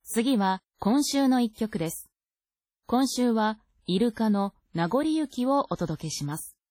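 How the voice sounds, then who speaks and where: A woman radio announcer presenting a program in a calm, formal, measured way. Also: on the high side, no room sound, clean studio sound. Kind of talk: scripted broadcast announcing.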